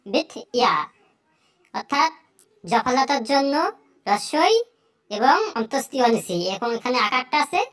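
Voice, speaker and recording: A young speaker teaching Sanskrit pronunciation, speaking slowly and saying each example word several times. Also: medium pitch, a bit bright.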